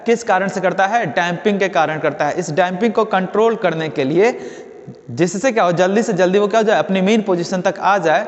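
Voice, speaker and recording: A man's voice: high-pitched, fairly quick. A man teaching physics as a classroom lecture, asking questions aloud and answering them himself, often adding a tag question for agreement. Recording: dull lo-fi audio with long reverb.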